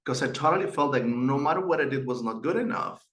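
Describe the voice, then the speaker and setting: A middle-aged Peruvian man, an institute director, hosts a webinar in Peruvian-accented Spanish. His mid-range voice is fairly bright, with lively intonation and a fast pace. He tells personal stories earnestly, using fillers and restarting sentences.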